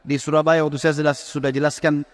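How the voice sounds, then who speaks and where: A man's voice: on the high side, flat delivery, fast talker, big-room sound. A man preaching a sermon, telling stories and putting rhetorical questions to his listeners, whom he calls friends.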